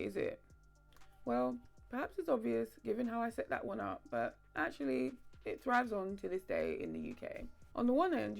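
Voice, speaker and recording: Woman video essay narrator, gravelly fry, wry sardonic delivery, mid pitch. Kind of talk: scripted narration.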